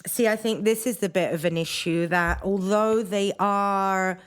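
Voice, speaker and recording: A woman's voice: mid-range voice, steady tone, a little slow, clean tone. A woman in her thirties hosting a podcast, chatting casually with wry, sarcastic asides. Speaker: podcast host. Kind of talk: casual conversation.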